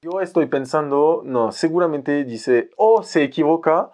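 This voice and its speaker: A young man from France with a French accent, a photographer telling an animated story in a podcast conversation and mixing in Mexican slang. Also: on the high side, a little slow. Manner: animated, playfully acts out other people's lines in raised voices, uses Mexican slang. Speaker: photographer guest.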